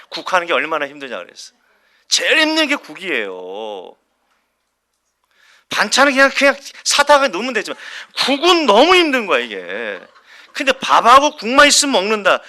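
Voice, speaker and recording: A man's voice: high-pitched, pushed and bright. A male pastor preaching a Sunday sermon at a church service. He talks animatedly, asks the congregation questions and acts out everyday quarrels with a chuckle.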